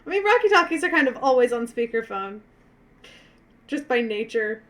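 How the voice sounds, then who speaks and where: A woman running a tabletop game, narrating off the cuff in a casual, sweary way with dramatic pauses. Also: on the high side, sing-song, fairly bright tone. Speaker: game master.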